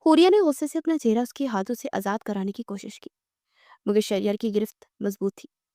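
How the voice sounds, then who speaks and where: A woman narrating a romantic novel in an expressive storytelling manner. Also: mid-range voice, dry recording, studio quality. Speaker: audiobook narrator.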